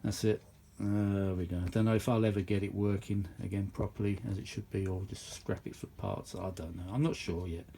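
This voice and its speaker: Slight hiss or hum sits under this low-leaning male voice, which is warm, a little fast, flat in delivery and touched with vocal fry. As a vintage audio repair hobbyist and video host, he gives rambling, matey hands-on commentary laced with tag questions, using a phone held or propped at his workbench.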